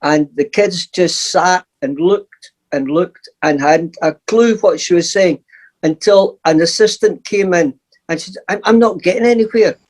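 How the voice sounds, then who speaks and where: A Scottish man on a panel, telling an anecdote in an unhurried way. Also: a little high.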